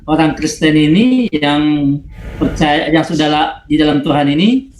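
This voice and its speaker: A man in a Bible study hesitantly asking a question, halting and checking for confirmation. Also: a little high, expressive, darkish tone, a little hiss or hum. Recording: roomy echo.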